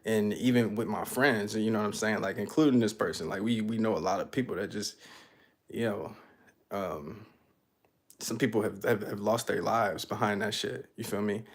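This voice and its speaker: A man's voice: fairly low pitch, fairly even intonation, normal speed. A young man musing aloud in a casual, reflective monologue, loose and full of fillers. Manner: laid-back, loose, full of fillers like "you know what I'm saying". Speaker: artist talking about his life.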